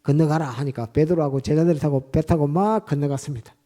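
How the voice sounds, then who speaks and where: A man's voice: fairly high pitch, steady tone, quick pace, mellow. A man preaching a sermon in church as pastor, retelling scripture scenes vivdly and repeating his points with emphasis.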